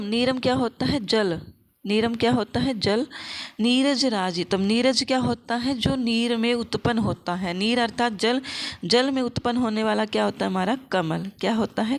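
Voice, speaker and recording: A woman teaching an exam-prep lesson, explaining by asking and answering her own questions and reciting verses slowly. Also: a little high. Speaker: Sanskrit teacher.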